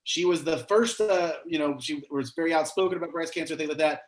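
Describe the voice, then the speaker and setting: A man runs a casual trivia quiz, cracking jokes between the questions he reads aloud. His voice sits on the high side for a man. The room around him echoes noticeably. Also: a little fast. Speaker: trivia host. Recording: roomy echo.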